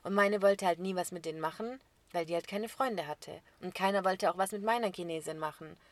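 Animated young woman telling a story. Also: fairly low pitch, brisk, no echo. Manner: animated storyteller, laughs often, acts out quotes. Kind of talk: casual chat, storytelling.

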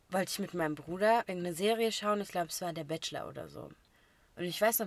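A young woman co-hosting a podcast, telling stories in a lively way with casual slang. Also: on the low side. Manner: animated storytelling with slang. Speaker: podcast co-host.

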